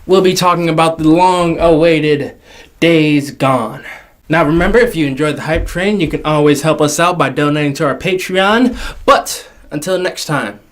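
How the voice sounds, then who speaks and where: The host of this video game movie countdown is a man whose voice is a little high and fairly bright, moving at normal speed. He keeps it casual and jokey, emphatic and repetitive for effect, as faint music plays behind him.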